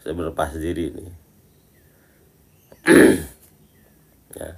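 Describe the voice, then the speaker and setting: A man teaching a casual Islamic study talk, chatty and teasing as he speaks to his listeners as friends, swinging between loud emphatic lines and quiet muttered asides. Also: very deep voice, fairly even intonation, extremely slow, creaky, slightly rough.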